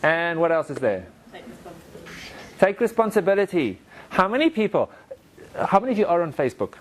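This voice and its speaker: Animated man leading a live workshop. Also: high-pitched, moderate pace, a faint crowd, slight background noise. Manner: animated, acts out quotes in playful voices; direct, asks the audience to repeat lines to each other. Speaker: presentation skills trainer. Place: training room with a live audience.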